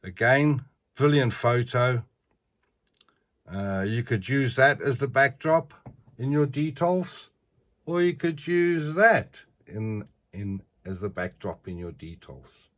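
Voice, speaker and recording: An older figure collector presents a review, his mid-range voice animated yet slow. Missing teeth leave his consonants slightly slurred as he gives a casual, chatty, rambling show-and-tell.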